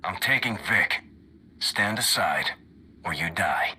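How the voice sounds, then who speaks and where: A man's voice: low voice, expressive, takes it slowly, pushed and bright, slight background noise, heavily acted. An actor playing a firm, commanding male military captain.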